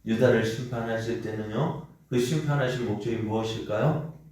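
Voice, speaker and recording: A man's voice: lowish voice, fairly even intonation, normal speed. A man pastor giving an early morning sermon in a conversational way, often asking the congregation questions. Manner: acts out quoted parents with shouted lines. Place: church sanctuary. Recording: very echoey room, mic at a distance.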